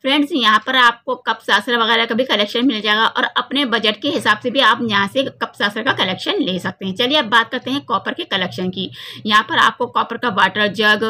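A woman's voice: a little high, fairly quick, sharp tone. A woman filming a shopping vlog in a store, steadily listing the price of each item and calling her viewers friends. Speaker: shopping vlogger. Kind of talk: casual product walkthrough. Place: indoors, large retail store.

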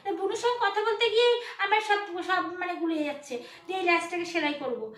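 A woman vlogger talks to her viewers in a very high, quick voice, animated and teasing. Her tone is bright and sharp. The sound carries the echo of a roomy space. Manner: animated, scolding and teasing by turns. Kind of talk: casual vlog chat addressed to viewers.

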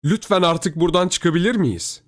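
Man doing panicky pleading young woman, high and loud, horror reading. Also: normal speed, natural voice.

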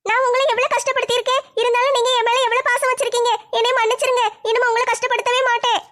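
A very high, pleading young wife, as a woman puts her on in a comedy family skit. She talks quickly and apologetically. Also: level tone, fairly bright tone. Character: young tearful sister-in-law, apologetic and soft.

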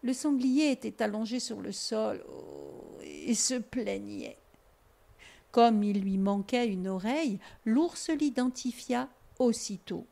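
A woman reads a children's picture book aloud for a library audience. Her narration is expressive and measured, very slow and mellow in tone. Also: fairly high pitch, vocal fry. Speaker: library storyteller. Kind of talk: children's story reading.

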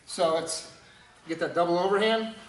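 A man's voice: high-pitched, moderate pace, roomy sound, slight background noise, poor audio. A man coaching a lift in a gym, walking through the steps with short cues. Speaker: strength coach. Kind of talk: instructional demonstration.

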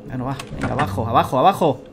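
A man's voice: medium pitch, fast talker, vocal fry. A man in his thirties with a Spain accent comments casually as he plays. His mid-range voice is colloquial and muttered, with noticeable game noise behind it. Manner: colloquial, muttering to himself and viewers. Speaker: let's play host. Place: indoor room at a computer, webcam view. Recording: noisy game sound behind voice.

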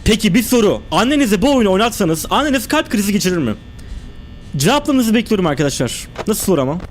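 A man's voice: sits high, sing-song, fast, a little hiss or hum. A young man live-streaming a horror game, reacting tensely and chatting with his viewers.

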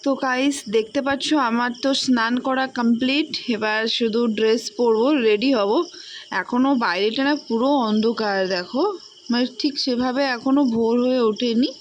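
A woman's voice: fairly high pitch, fairly even intonation, normal speed, lo-fi sound. A woman vlogging casually and talking straight to her viewers, filming on a handheld camera at home and outdoors at a temple. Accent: Bengali. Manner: chatty, talks straight to viewers. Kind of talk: casual vlog narration. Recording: noisy outdoor sound, rain and traffic.

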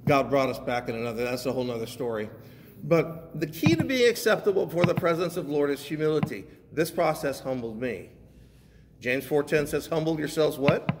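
Preaching as a guest pastor, a man with a slightly high voice speaks fairly quickly, reading scripture and unpacking it in a chatty, folksy manner with frequent check-ins. He addresses a congregation in a large, echoey room, and faint noise sits in the background.

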